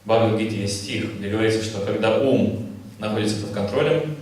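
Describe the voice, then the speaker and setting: A man interprets a lecture line by line at a brisk clip, often rephrasing mid-sentence. His voice is distant from the microphone and rings through a very echoey hall. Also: lowish voice, darkish tone. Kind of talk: consecutive translation of a lecture.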